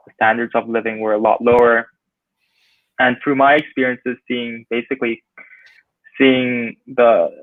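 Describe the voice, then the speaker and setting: A young man from Hong Kong speaks as a startup founder on a panel, thinking aloud with many fillers and restarts. His delivery stays flat and even. The sound is dry and thin, like a phone line. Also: medium pitch, no echo. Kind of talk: conversational panel answer.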